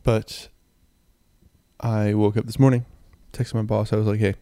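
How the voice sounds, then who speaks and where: A young man hosts a casual solo podcast while sick with a cold. His low voice is phlegmy and gravelly, and he rambles along in a low-key way. The handheld mic is close and the sound is very dry. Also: little pitch movement, measured pace, mellow, no room sound. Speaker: podcast host. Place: in bed, indoors. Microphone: handheld mic and audio recorder, close.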